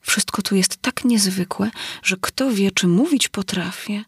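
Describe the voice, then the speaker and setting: Casting: a woman as a fretful little storybook girl, husky voice, sighing and wondering aloud. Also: medium pitch, unhurried, no room sound, studio quality. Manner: wondering aloud, dramatic sighs. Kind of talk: storybook reading.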